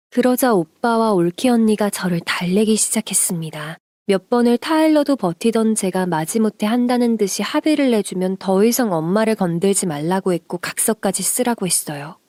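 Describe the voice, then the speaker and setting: A woman narrates a reader-submitted story in a steady, expressive manner. Her voice is mellow and warm at a middle pitch. The sound is close and dry. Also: no room sound.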